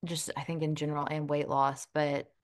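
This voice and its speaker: Low-voiced woman in easy chat. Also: flat delivery, moderate pace. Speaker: podcast co-host. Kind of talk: casual chat.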